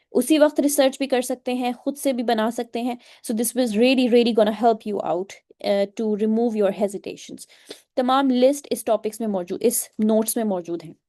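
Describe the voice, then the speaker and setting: Slow, deliberate woman teacher. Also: a little high, a little mellow, dry recording, studio quality. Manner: mixes English and Urdu, slow deliberate stress on words, checks for understanding. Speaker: English language teacher. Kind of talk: online class lecture.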